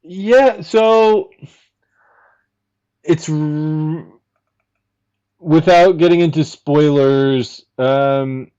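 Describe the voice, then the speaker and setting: A man chatting as a fan guest on a casual podcast, explaining his points at length in a measured, analytical way. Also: fairly high pitch, mellow, smooth, lo-fi sound.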